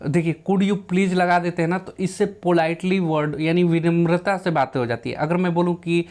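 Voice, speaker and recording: A man walks a class through multiple-choice exam questions one by one. His voice sits somewhat high for a man. He reads each English question out slowly and carefully before explaining it patiently in plain Hindi. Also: steady tone, darkish tone. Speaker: teacher. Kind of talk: exam question walkthrough lesson.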